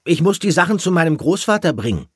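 A man's voice: on the high side, very animated, fast, slightly rough, dry recording, studio quality, voice pushed up. A man voicing a bored young boy hedgehog in a storybook reading. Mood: eager.

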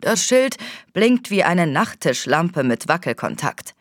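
A woman's voice: fairly low pitch, very animated, measured pace, dry recording, clean studio sound. A woman reading an audiobook, voicing a grumpy male secret agent with a cold who growls and grumbles his lines.

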